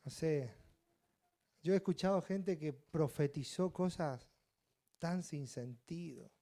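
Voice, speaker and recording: A man preaching a sermon, reading scripture loudly and dropping to quiet asides. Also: on the high side, slow pace. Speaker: pastor.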